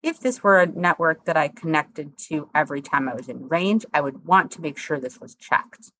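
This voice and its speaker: Low-pitched woman giving a step-by-step tutorial. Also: lively intonation, normal speed, a bit bright, low-quality recording. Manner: explanatory, conversational. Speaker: software instructor.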